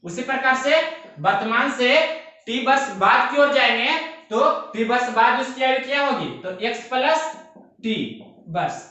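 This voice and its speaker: In a very echoey room, a young man walks through exam-prep math one step at a time, frequently repeating points and posing rhetorical questions. He speaks unhurriedly in a very high, bright, forceful voice.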